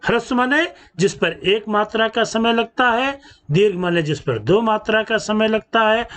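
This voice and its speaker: Slow, animated grammar teacher, male. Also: high voice. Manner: slow, drawn-out teaching delivery with stretched sounds. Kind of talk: classroom lesson.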